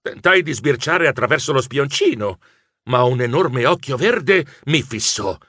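A man narrating a children's audiobook in first person as a nervous mouse writer, in an expressive storytelling voice. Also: mid-range voice, a little slow, dry recording, studio quality.

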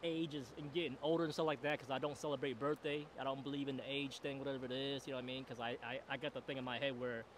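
A man's voice: medium pitch, level tone, quick pace, hardly any pauses, a little hiss or hum. A man in his forties hosting a solo podcast outdoors, talking in a rambling, reflective way and saying "you know what I mean" over and over. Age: 40s. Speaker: podcast host. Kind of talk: casual solo monologue. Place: outdoors, seated in a camp chair in a river. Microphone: boom mic on a stand.

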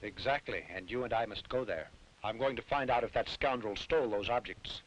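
An actor playing a calm, earnest doctor and father in a 1950s dubbed film. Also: mid-range voice, brisk, natural voice, poor audio. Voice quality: earnest, reasoning. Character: calm male doctor, worried family father.

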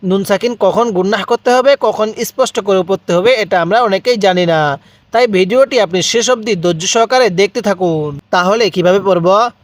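A man with a Bangladeshi Bengali accent teaching Quran recitation, spelling out each syllable slowly and prompting listeners to repeat after him. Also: sits high, no room sound.

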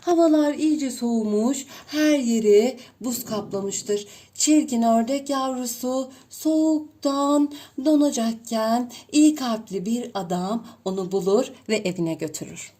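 A woman preschool teacher leads a finger game and reads a story to small children. She speaks high and slow, in an animated sing-song manner. A roomy echo surrounds her voice. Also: distant mic.

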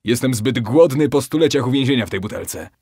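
A man voicing a furious, hungry giant genie in a storybook reading, gruff and slow. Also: mid-range voice, a little mellow, no room sound, studio quality, natural voice. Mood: menacing.

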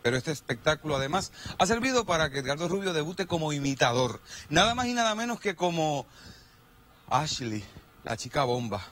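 A man's voice: fairly high pitch, big pitch swings, a little fast, a bit bright. A middle-aged man hosting a TV show, introducing the next act in an amused, scripted way. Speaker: TV host. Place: TV studio set.

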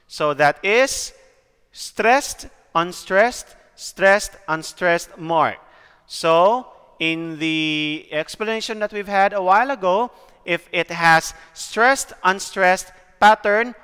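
A male teacher explaining a lesson slowly and deliberately, pausing to count and guide his students. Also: high-pitched, bright, forceful tone, clean tone, long reverb tail. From Philippines. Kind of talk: recorded classroom lesson.

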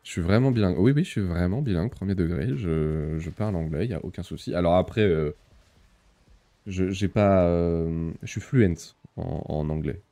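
Streaming a game from a small room lit in purple, a man in his thirties chats casually in a warm, low voice at a moderate pace. He reads chat aloud and uses lots of hesitant fillers.

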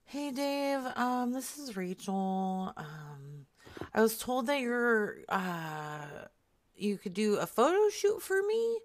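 A woman leaving a halting voicemail message, pausing with ums as she asks for a call back. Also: a little high, very animated. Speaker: prank call host.

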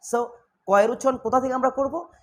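A woman teaching English pronunciation, drilling sounds slowly and repeating them for practice. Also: sits high, darkish tone. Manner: slow drilling of sounds, mixing Bengali and English. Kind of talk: spoken English lesson. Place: indoor room with a fan running.

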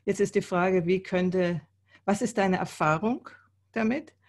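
A woman's voice: mid-range voice, a little slow, a little mellow. Woman in her 60s hosting a video chat, talks loose and conversational, some uhs. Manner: conversational, thinking aloud with fillers. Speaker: host. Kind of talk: video call interview. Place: indoor room. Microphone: video call.

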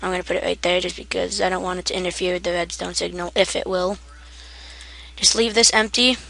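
A woman walks through a video game setup in a loose, half-asleep way. Her voice is bright with a gravelly edge, and she trips over words and laughs off her own mistakes. Keyboard typing sits behind her. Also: on the low side, level tone, a little fast. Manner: sleepy, rambling, self-deprecating. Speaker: gaming tutorial maker. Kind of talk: casual game tutorial.

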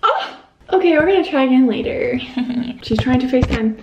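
A woman's voice: high voice, lively intonation, fairly quick, gravelly, echoey room, lo-fi sound, background noise. Giggly upbeat young woman vlogging. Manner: bubbly, giggly, chatty. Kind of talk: casual vlog chat.

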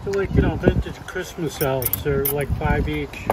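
A man's voice: a little high, unhurried. A man selling at an outdoor flea market, casually quoting prices off-mic. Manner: quotes prices offhandedly. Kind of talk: casual sales chat. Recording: off-mic outdoors, loud background noise.

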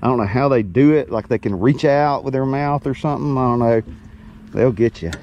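A man's voice: medium pitch, a little fast, a little mellow, muffled recording, slight background noise. A man in his fifties with a Southern US accent, chatting and joking to the camera while fishing from a small boat outdoors. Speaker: fishing vlogger. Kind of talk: casual chat. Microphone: action camera on the boat.

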